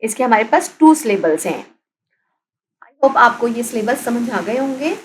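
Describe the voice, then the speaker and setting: High-voiced woman teacher. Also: lively intonation, a little slow, slight background noise, low-quality recording. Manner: patient, spells words out letter by letter and repeats them; mixes English terms into explanations. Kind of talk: classroom lesson recorded as video.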